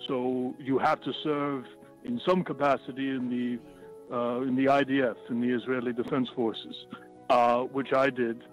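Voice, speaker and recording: A man calling in over a phone line to a radio talk show, speaking in a halting, hesitant way. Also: medium pitch, flat delivery, soft background music. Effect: heard over a phone line. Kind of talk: prank call to a talk show.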